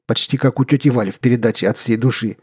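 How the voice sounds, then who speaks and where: A man's voice: mid-range voice, fast talker, darkish tone, slightly rough, no echo, studio quality, close to an everyday voice. A man voicing a pushy, over-familiar male official who talks on the phone. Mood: chummy. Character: chummy, pushy male deputy minister.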